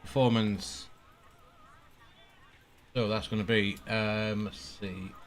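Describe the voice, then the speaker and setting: A man's voice: on the low side, little pitch movement, takes it slowly, a little hiss or hum. A man giving casual, think-aloud commentary as he streams a flight simulator. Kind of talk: casual live gameplay commentary. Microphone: headset.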